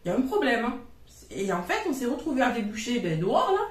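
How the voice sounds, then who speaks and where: A woman's voice: on the high side, big pitch swings, fast, distant mic. A chatty woman in her thirties with a southern French accent, casually showing her grocery haul with frank, colloquial talk. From southern France. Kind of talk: casual chat. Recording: roomy echo, voice from off the mic.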